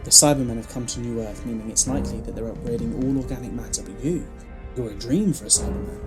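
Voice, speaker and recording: A grave, protective time traveller , played by an actor in a sci-fi audio drama, with a medium-pitched voice. The delivery is urgent and emphatic, and strong dramatic music runs underneath. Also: fast, natural voice. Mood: urgent warning.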